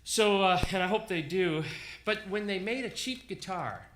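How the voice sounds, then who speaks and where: Chatty high-voiced man in an echoey room. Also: moderate pace, fairly bright tone. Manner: rambling, chatty, self-correcting. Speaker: band member introducing songs. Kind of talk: casual stage banter. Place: library performance room. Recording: echoey room with live music.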